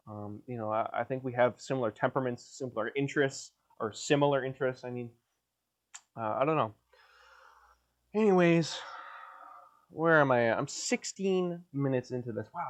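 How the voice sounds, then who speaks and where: With a nasal voice pitched squarely mid-range for a man, a young podcast host delivers a solo, rambling monologue that's crude, deadpan and full of stumbles. He seems dry-mouthed and a little coughy, like someone who's spent the day sweating in a hot basement, and the recording is lo-fi.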